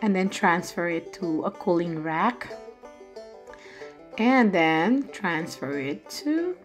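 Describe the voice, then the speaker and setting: A woman's voice: on the low side, expressive, slow pace, faint music behind. A middle-aged woman with a Filipino accent chattily narrating a recipe as a home baking host, with playful asides. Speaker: home baker hosting a cooking vlog. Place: home kitchen, indoors.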